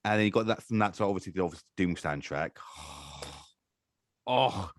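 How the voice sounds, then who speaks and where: A man's voice: low-pitched, rapid-fire, no room sound, clean studio sound. Laughing, enthusiastic man chatting. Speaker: podcast host. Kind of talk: casual chat.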